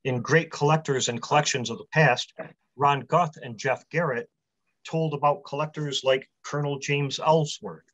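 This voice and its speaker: Using a webcam on a video call, a publisher in his forties reads a prepared talk to a convention from a small room. He has a medium-pitched voice and works through long lists in measured fashion, and the audio is dry and slightly muffled, with no room sound.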